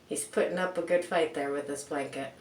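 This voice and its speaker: A woman with a deep, steady voice reads a picture book to children a little fast, expressive and sprinkling in chatty asides and rhetorical questions. The recording sounds roomy, with a distant mic and faint background noise.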